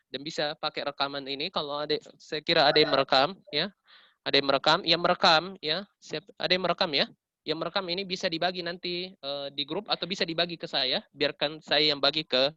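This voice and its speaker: Seorang pria Indonesia mengajar tajwid, mengoreksi bacaan dan mencontohkan pelafalan yang benar dan yang salah. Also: male voice, on the high side, pushed and bright, no echo, dull audio. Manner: corrective, demonstrates right and wrong recitation. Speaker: Quran recitation teacher. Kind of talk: tajwid lesson with recited examples.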